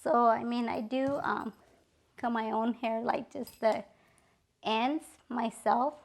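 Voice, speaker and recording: A woman's voice: fairly high pitch, fairly even intonation, takes it slowly, creaky. A middle-aged woman vlogger telling a story casually, chatty and exasperated, full of "like" and "literally". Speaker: beauty vlogger.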